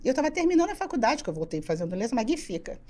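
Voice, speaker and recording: A middle-aged woman telling stories from her career as an interview guest, animated and acting out the dialogue she quotes. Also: a little high, very fast. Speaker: guest, executive coach. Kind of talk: casual interview storytelling.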